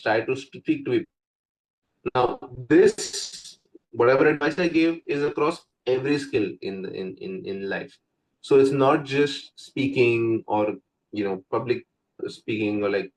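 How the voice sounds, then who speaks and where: A young Indian man, a native Hindi speaker with an Indian accent, chats casually in an interview as an English coach. His mid-range voice is chatty and full of "like" and "right?" fillers, and the recording is rough.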